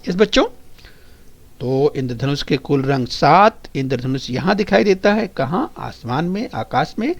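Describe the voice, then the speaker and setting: A man teaching a recorded lesson to young children, singing a poem slowly and then coaxing them to repeat words after him. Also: a little high, creaky. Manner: coaxing, addresses the children directly and often. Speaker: primary school teacher.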